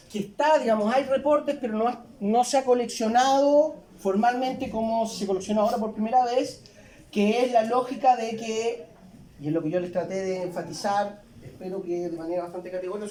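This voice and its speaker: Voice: mid-range voice, warm tone. A physiology lecturer talks through a classroom lecture in an easy, conversational way, checking in with the students every few phrases. The voice comes from well back from the microphone in a lecture hall with a lot of room echo. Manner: conversational, checks in constantly with tag questions. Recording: echoey lecture hall, voice from a distance.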